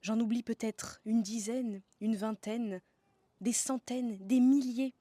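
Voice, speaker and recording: A woman's voice: fairly high pitch, fairly even intonation, takes it slowly, mellow, no room sound. A woman from the south of France, narrating a scripted podcast as host in a playful way, savouring slang words.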